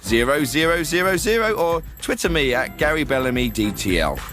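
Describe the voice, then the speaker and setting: A smug bumbling radio host. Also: male voice, on the high side, very animated, brisk, over music. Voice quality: glib, self-satisfied. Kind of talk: comedy phone-in hosting.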